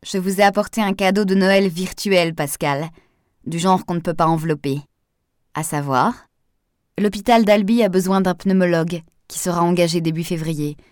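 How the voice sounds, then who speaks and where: A woman reading aloud, voicing a warm, charming man who speaks with courtly flattery. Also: on the low side, normal speed, no echo, clean studio sound, close to an everyday voice. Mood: courteous.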